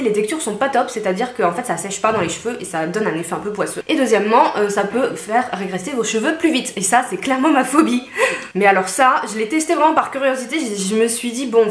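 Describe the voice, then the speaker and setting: Woman beauty vlogger rattling through her favourites, chatty with lots of ums, slightly high voice. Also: roomy sound. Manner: chatty, frequent filler sounds and asides. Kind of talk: casual product review. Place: at home.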